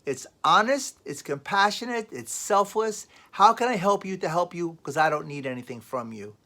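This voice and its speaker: Emphatic, rambling man with a higher voice. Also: animated, moderate pace, bright, forceful tone. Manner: rambling, emphatic, repeats phrases. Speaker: life coach. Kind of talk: casual motivational vlog talk.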